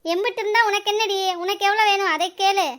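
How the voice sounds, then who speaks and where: A woman's voice: steady tone, fast, a bit bright. A woman voicing a scolding old village grandmother in a cartoon. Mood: teasing. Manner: scolding, shrill, teasing. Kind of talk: cartoon voice acting.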